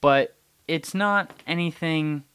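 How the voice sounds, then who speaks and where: A man's voice: fairly high pitch, slow pace, a bit bright, clean tone. A young man hosting a podcast, chatting casually about hockey, often repeating words while he thinks. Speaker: podcast host. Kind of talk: casual sports chat.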